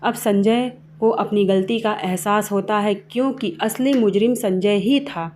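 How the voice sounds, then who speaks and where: A woman's voice: mid-range voice, measured pace, a little mellow, slight background noise. A woman narrating a family moral story in a plain, simple storytelling way.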